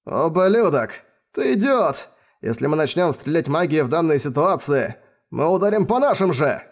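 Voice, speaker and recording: A man voicing a stubborn, wounded field marshal, exasperated and shouting in an audiobook. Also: fairly high pitch, animated, normal speed.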